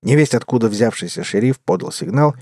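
A man reading a western adventure story aloud in an expressive first-person narration. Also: medium pitch, fairly quick, no echo, clean studio sound. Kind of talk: audiobook narration.

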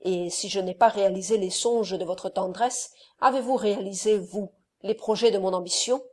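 A woman reading the part of a proud, sardonic nobleman in an audiobook, with clipped, forceful delivery. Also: medium pitch, moderate pace, natural voice. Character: stern proud male count, sardonic and cold.

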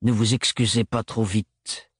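A man's voice: fairly low pitch, normal speed, slightly rough, dry recording, studio quality. A man reading an audiobook, voicing a tall, cold man who speaks stiffly and curtly. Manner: stiff, clipped, hard.

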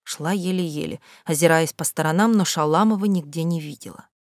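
A woman reading a first-person novel aloud with expressive, measured storytelling. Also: low-pitched, no echo, studio quality. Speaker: audiobook narrator. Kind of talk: first-person audiobook narration.

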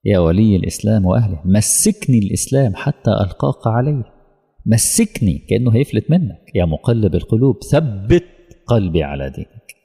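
A man's voice: lowish voice, lively intonation, quick pace, vocal fry, mellow, breathy edge. A man with an Egyptian Arabic accent delivering an emotional, pleading sermon as a preacher. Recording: long hall reverb.

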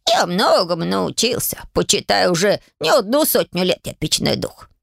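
A woman's voice: lowish voice, big pitch swings, moderate pace, gravelly, dry recording, clean studio sound, heavily acted. A woman voicing a centuries-old male stove spirit who speaks humbly and earnestly.

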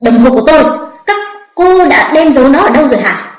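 A woman's voice: high-pitched, lively intonation, quick pace, faint music behind. Woman reader doing a pushy young rich man, agitated, roomy echo. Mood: demanding.

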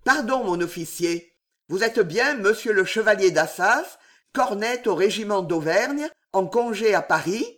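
A man's voice: high voice, animated, measured pace, a bit bright. Man voicing a coldly formal police agent. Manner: formal, official.

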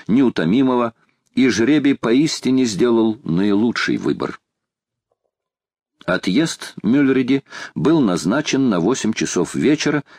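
A man narrates an audiobook with measured, even storytelling in scripted narration. His voice is lowish, and the studio-quality recording has no room sound.

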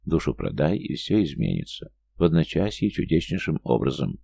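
Deep gravelly male audiobook narrator. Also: big pitch swings, normal speed, warm tone. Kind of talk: scripted narration.

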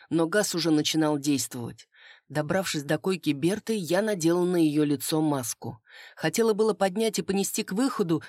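Woman, audiobook narrator, steady storytelling, fantasy, dry close sound. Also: lowish voice, no echo.

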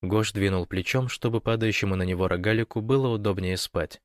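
A male narrator reads an audiobook in an even, measured voice. His voice sits low. The recording is close and dry. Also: dry recording. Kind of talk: scripted narration.

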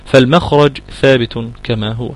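A man with an Egyptian accent teaching Quran recitation, patiently explaining and repeating points and sounding out letters slowly as he answers student questions. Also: medium pitch, steady tone, rough recording. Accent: Egyptian Arabic.

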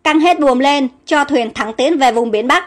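A woman's voice: sits high, moderate pace, lightly acted. A woman voicing a harsh male ship captain who barks commands at his soldiers. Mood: commanding. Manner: barking commands.

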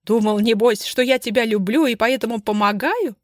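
A scheming society woman cornered and turning vicious, her voice shrill and venomous, as a woman reader puts her on. She swings between hysteria and cold mockery. The reading sounds close and dry. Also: lively intonation, normal speed, dry recording, natural voice. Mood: mocking.

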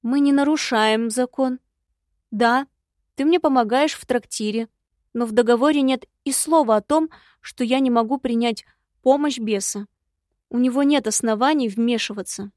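A woman voicing a spirited young heroine in an audiobook, brisk and insistent. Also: fairly high pitch, a little mellow, no echo, clean studio sound, natural voice. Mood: pressing.

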